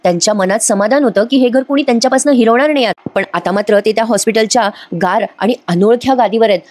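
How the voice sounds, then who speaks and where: A woman reading the lines of a gentle young wife in a plaintive way. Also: fairly high pitch, quick pace, no echo, natural voice. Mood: tearful.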